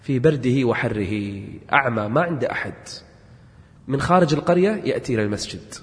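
A man preaching a sermon, telling stories and building to forceful, repetitive exhortation. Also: medium pitch, fast. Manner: impassioned, repeats phrases and builds to forceful exhortation. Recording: long reverb of a large hall.

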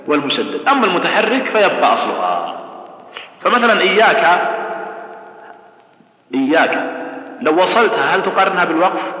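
A man's voice: on the high side, sharp tone. A man teaching tajweed, who repeats sounds and questions his students. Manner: explains patiently, repeats sounds and asks the class questions. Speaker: Quran recitation teacher. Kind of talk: tajweed lesson. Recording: echoey hall, dull sound.

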